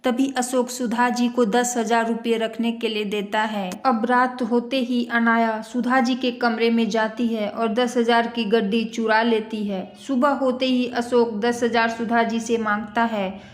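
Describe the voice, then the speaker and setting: A woman narrating a family moral story in a plain, steady reading voice. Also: a little high, unhurried, hardly any pauses. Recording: echoey room.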